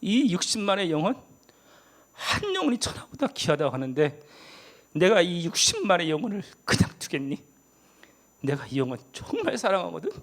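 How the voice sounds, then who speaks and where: A man in his fifties preaching an impassioned sermon as a missionary, swinging from emphatic loud peaks to hushed whispers. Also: high-pitched, huge pitch swings, normal speed.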